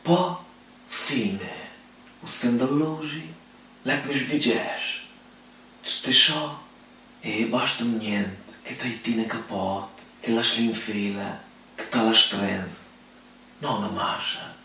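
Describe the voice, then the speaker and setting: A man's voice: on the low side, takes it slowly, bright, forceful tone, a little hiss or hum. A man with a Romagnol accent musing at length about daily life in dialect. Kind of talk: spoken dialect monologue. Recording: echoey room from far off.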